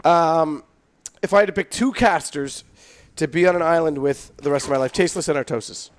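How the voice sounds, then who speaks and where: A man's voice: on the high side, brisk. A man casting an esports match, teasing and joking in casual banter. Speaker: esports caster. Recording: game gunfire noise over voice. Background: clear gunfire and game sounds.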